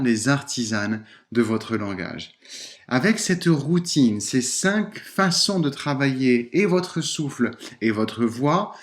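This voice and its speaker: A man coaching listeners on voice and public speaking in a podcast lesson, speaking expressively and shifting intonation and stress as he demonstrates. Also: medium pitch.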